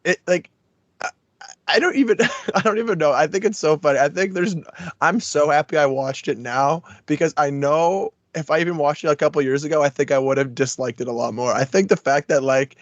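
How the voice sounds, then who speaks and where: Excitable man on a muffled podcast mic. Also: on the high side, fairly quick, dry recording. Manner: excitable, laughs between thoughts, drifts off mid-sentence. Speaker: podcast co-host. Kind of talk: casual chat. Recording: dull, dry podcast mic.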